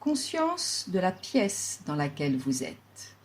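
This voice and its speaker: A female yoga instructor walks listeners through a relaxation, her voice on the low side. She stays calm and soothing, measured in pace, with long pauses.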